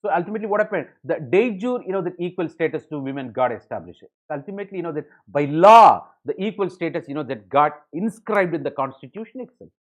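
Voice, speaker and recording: A man delivering an exam-coaching lecture at a brisk, rushing clip, his voice sitting a little high. He keeps stringing ideas together with "you know" and calls his students ladies and gentlemen. The recording is dull and lo-fi. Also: lively intonation. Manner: rapid, filler-heavy, addresses students as ladies and gentlemen. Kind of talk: online lecture.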